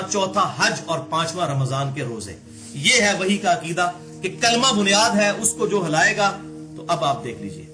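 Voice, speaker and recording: A man giving a religious lecture, arguing with pointed rhetorical questions and sudden emphatic rises. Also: a little high.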